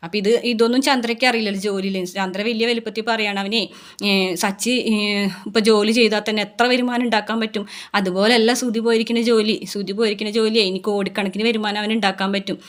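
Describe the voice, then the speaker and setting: A woman talking quickly as she recaps a serial episode. She quotes each character's lines in her own voice, with little change in tone, keeping her storytelling casual and conversational. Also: medium pitch, fairly even intonation. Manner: brisk retelling, quoting characters in a plain voice.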